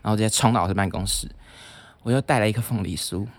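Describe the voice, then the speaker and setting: A man's voice: fairly low pitch, rapid-fire. A young man with a Taiwanese Mandarin accent, telling a story in a casual, playful way and mimicking voices as a podcast co-host. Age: young adult.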